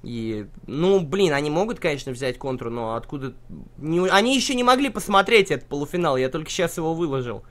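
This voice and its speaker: A man commentating a match in a casual, bantering way, with a voice a touch higher than most. He mocks his co-hosts with dry sarcasm and swears freely, speaking into a call headset. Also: lively intonation, fairly quick, few pauses, fairly bright tone. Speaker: esports commentator and stream host.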